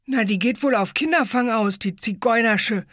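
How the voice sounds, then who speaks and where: A woman's voice: a little high, moderate pace, fairly bright tone, dry recording, clean studio sound, voice pushed up. A woman voicing a fat, boastful boy who jeers smugly but is a coward. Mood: jeering. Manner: smug, then cowering.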